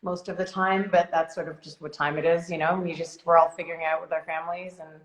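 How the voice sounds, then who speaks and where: A woman's voice: on the low side, little pitch movement, fast talker. A woman in her thirties from Canada, an actress chatting casually as an interview guest over a video call, with lots of restarts and fillers. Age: 30s. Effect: heard over a video call. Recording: echoey video call audio.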